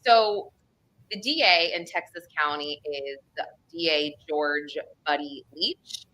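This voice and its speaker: In a rough recording, a woman's deep, bright, forceful voice comes through slowly. She is from the Northeastern United States, has an American accent, and co-hosts a true crime conversation in a casual, chatty, informal way.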